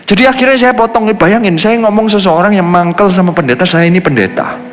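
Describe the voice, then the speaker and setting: A man pastor preaching a sermon, telling stories with lively shifts in pitch and pace and slipping English phrases into his speech. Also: brisk. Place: large church hall. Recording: reverberant church hall with faint music.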